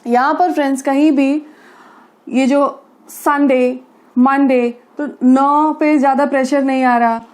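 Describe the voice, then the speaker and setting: A woman's voice: high-pitched, steady tone, darkish tone. A woman teaching English vocabulary in Hindi. She repeats each word patiently and spells it out letter by letter. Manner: slow, patient, spells words letter by letter and repeats "theek hai". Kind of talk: spoken English lesson in Hindi.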